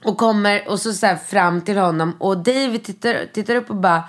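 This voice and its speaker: A woman chats casually, telling stories in an animated, gushing way full of fillers. She acts out quotes, voicing them in high English.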